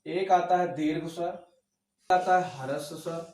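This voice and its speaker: A man with a slightly high, slightly mellow voice teaches an exam-prep grammar lesson at a somewhat slow pace and fairly even intonation. He poses questions and answers them himself, often checking in with "okay." The mic sits at a distance in an echoey room.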